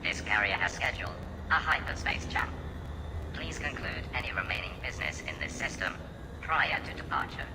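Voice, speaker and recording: A man voicing a calm, formal carrier announcement over a ship's loudspeaker. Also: lowish voice. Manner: formal, measured announcer delivery. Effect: ship loudspeaker announcement. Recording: distant tannoy voice over engine hum.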